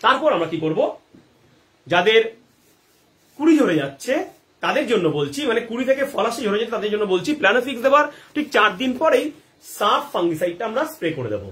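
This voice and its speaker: A man's voice: high-pitched, expressive, quick pace, fairly bright tone. A man hosting a live gardening Q&A. He answers viewers' questions and asks himself rhetorical questions, checking in with the audience often. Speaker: gardening advice host.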